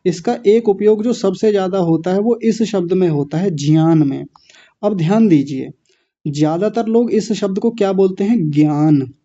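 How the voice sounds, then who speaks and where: A male teacher with a high but very dark, mellow voice guides an online class at a slow, deliberate pace. He breaks long words into pieces and repeats them patiently, correcting learners. The sound is a little dull and muffled. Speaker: Sanskrit pronunciation teacher.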